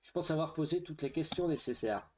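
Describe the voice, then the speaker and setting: A man's voice: a little high, fairly quick, darkish tone. A man playing a video game, reading its dialogue aloud with hesitant asides and frequent fillers. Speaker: let's play streamer.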